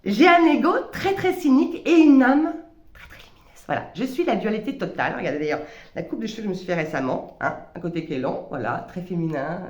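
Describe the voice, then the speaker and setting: A woman's voice: mid-range voice, expressive, fast, a little mellow, muffled recording. Hesitant woman vlogging in a roomy space. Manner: hesitant, many stammered restarts. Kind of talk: reflective personal vlog. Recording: roomy echo.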